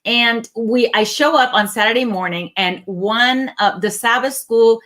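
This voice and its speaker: A woman co-hosting a faith talk, telling a personal story in a relaxed conversational way and acting out the lines of the people in it. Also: a little high, unhurried. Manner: earnest, acts out quoted dialogue, laughs easily. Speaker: co-host sharing her testimony.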